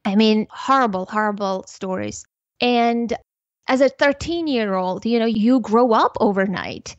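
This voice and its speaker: A woman, a guest on a podcast, speaking in an earnest, measured, thoughtful way. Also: fairly high pitch, dry recording. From Armenia. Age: 40s. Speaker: podcast guest, parenting educator. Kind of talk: reflective interview talk. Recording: slightly muffled dry recording.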